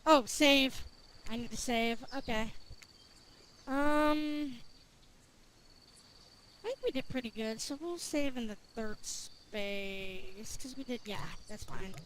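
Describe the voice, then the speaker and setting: A woman streamer reading a dating game aloud, jokey and excitable, bursting into shouts. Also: a little high, slow pace, pauses often, a little hiss or hum.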